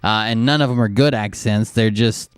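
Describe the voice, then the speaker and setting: A man's voice: fairly low pitch, moderate pace, clean tone, no room sound, clean studio sound. A man hosting a show, talking bluntly and mocking, swearing freely in casual commentary. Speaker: show host reacting to a clip.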